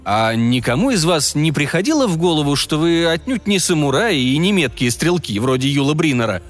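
A man's voice: a little high, very animated, fairly quick, faint music behind. A man doing a dry, mocking everyman. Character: ordinary mocking middle-aged American man.

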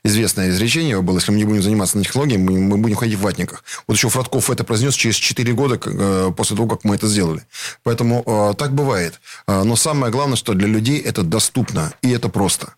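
Быстро говорящий мужчина с низковатым голосом. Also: male voice, lowish voice, rapid-fire, no echo, studio quality. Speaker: company chief executive, studio guest. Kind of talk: unscripted explanatory promotional talk.

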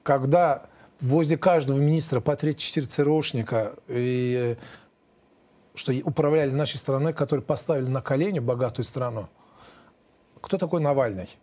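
A man in his fifties, a lawyer being interviewed, answering in a halting, repetitive, defensive way. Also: medium pitch, mellow. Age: 50s. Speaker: lawyer, guest.

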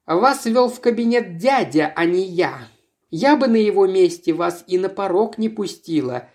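A reader voices a haughty, bossy, touchy young woman, the employer's niece, raising her voice in an imperious, scolding, indignant way. The voice is medium-pitched and slightly mellow, animated, at a measured pace.

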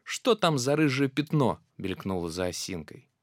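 A storyteller reading a children's verse tale aloud in a rhythmic, expressive way. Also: medium pitch, normal speed, no room sound, studio quality.

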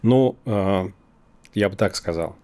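A man with a low voice and a noticeable difficulty pronouncing the letter r. He speaks as an interview guest in a casual register, hesitating and drawing out pauses while he thinks through his answers. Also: a little mellow. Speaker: interview guest, design company executive.

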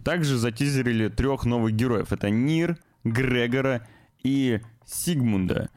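A man's voice: mid-range voice, measured pace, a little mellow. A man hosting a gaming and film news show, commenting informally and hesitantly with ironic asides.

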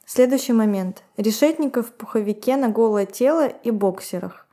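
A woman co-hosting a podcast retells events and comments on them with laughs, in a storytelling style. Her voice is mellow and a little high, at a normal speed.

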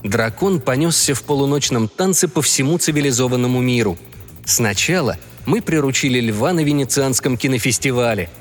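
A man reading a story aloud as an audiobook narrator, in a measured, expressive way. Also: medium pitch. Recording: long reverb, faint music behind.

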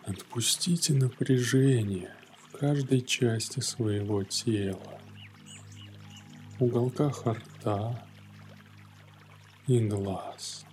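A man narrating a guided morning meditation in a gentle, soothing yoga-teacher manner, leaving long pauses between phrases. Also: medium pitch. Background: soft music.

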